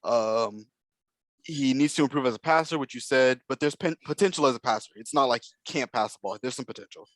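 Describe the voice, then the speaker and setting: A man's voice: mid-range voice, a little fast, dry recording. A man co-hosting a podcast, talking through basketball prospects in a casual, analytical way with lots of fillers and hedges. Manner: analytical, hedging with many fillers. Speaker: podcast co-host. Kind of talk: casual basketball draft chat.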